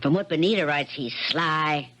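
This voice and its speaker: An actress playing a plain-spoken older country aunt with a rural American accent and folksy manner, in a 1970s radio drama. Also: female voice, low-pitched, moderate pace, a bit bright. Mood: concerned, matter-of-fact. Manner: folksy, matter-of-fact. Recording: dull vintage radio recording.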